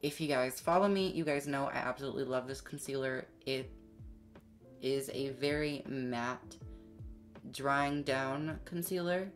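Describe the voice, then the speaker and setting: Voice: medium pitch, unhurried. A beauty vlogger in their twenties with a sassy, slangy drag queen manner, chatting casually to camera in a makeup review. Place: small indoor room set up for filming. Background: background music.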